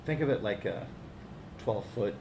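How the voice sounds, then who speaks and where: A man's voice: lowish voice, normal speed. A man narrating as game master, describing scenes casually with fillers. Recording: echoey room with background noise.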